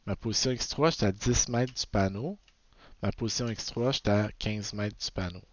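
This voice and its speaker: A man with a Québécois French accent gives a recorded physics lecture in a fairly low voice at a moderate pace. He frequently checks in with "ok?" and corrects himself as he goes. The sound is dull, dry and lo-fi, with slight background noise.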